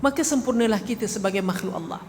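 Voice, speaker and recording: Lively woman preacher. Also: on the high side, fast talker. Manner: lively, asks the audience rhetorical questions. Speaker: religious teacher. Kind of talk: religious talk to a women's congregation. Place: mosque hall. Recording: reverberant hall, faint hum.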